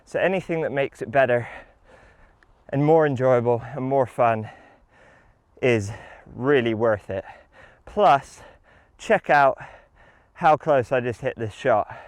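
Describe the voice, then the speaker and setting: A man's voice: mid-range voice, a little slow, darkish tone, dry recording. A man giving an enthusiastic, casual product review while playing a round of golf outdoors. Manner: enthusiastic, upbeat.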